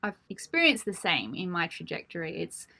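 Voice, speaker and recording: A female interviewer with a lowish voice and noticeable vocal fry. She is encouraging and supportive, keeping the exchange conversational as she hosts. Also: sing-song, normal speed, pushed and bright. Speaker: interviewer, podcast host.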